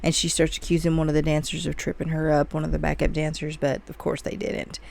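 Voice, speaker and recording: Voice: medium pitch, monotone, fast, gravelly. A movie reviewer giving a casual, chatty spoiler recap of a film, full of "like" and "you know".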